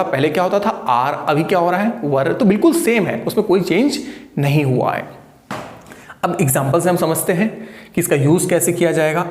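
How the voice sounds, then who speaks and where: A man's voice: on the high side, echoey room. A man teaching an English grammar lesson in a chatty, coaxing way, speaking to his students as kids. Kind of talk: video lesson.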